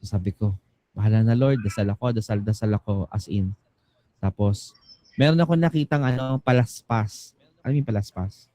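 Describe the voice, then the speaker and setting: A young man telling a ghost story live on stage, dropping to a hush and then jumping up in excitement, with English words mixed in. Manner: animated, swings between hushed low and excited high; mixes English into his telling. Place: live music venue.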